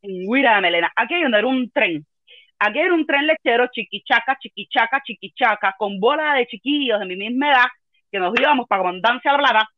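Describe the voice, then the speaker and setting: A woman's voice: fairly high pitch, lively intonation, fast, dry recording, dull audio. A woman with a Cuban accent telling a funny personal story in a dramatic, self-mocking way. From Cuba. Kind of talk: comic storytelling chat.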